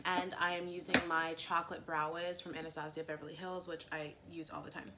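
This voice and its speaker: This get-ready-with-me vlog comes from a beauty vlogger whose low voice is level and brisk. She's chatty and slightly sniffly, leaning on fillers such as "um" and "like," and heavy background noise runs under her.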